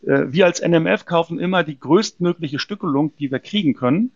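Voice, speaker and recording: Gravelly-voiced man explaining gold investing. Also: on the high side, a little fast, dry recording, highs cut off. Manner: explanatory, hesitant with fillers and restarts. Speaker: precious metals company representative. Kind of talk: conversational interview answers.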